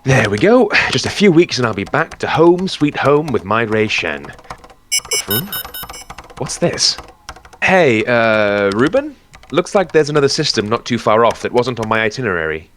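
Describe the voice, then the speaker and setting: A man's voice: medium pitch, big pitch swings, moderate pace, fairly bright tone, slight background noise. A man playing a chatty, sarcastic lone space explorer who talks to himself in a science fiction audio drama. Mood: upbeat.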